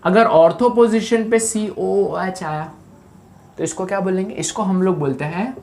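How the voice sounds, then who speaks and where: A man's voice: high voice, a little slow, gravelly, a little mellow, slight background noise. A man giving a live online chemistry lecture. He keeps asking students questions and makes up joking memory tricks. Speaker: chemistry teacher. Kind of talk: live online lecture mixing Hindi and English.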